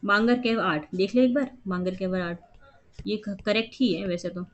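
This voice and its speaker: A woman teacher with a medium-pitched voice walks through a reading comprehension passage step by step at normal speed, switching between Hindi and English. It's an exam-prep lesson, and the audio quality is lo-fi.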